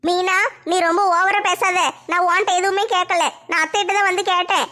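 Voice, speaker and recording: A woman voicing a meek, put-upon young daughter-in-law in a comedy skit, slower and plaintive. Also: very high-pitched, steady tone, bright, forceful tone. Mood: defensive.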